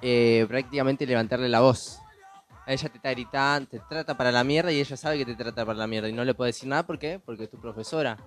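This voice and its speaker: A man's voice: medium pitch, fast. A man telling a story on a podcast in a rambling way, full of restarts and "viste". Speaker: podcast co-host. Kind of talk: casual storytelling.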